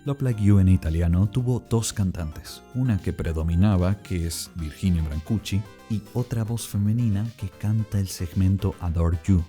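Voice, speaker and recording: A man's voice: deep voice, normal speed, few pauses, music in the background. A man narrating a scripted explainer as the presenter of the video.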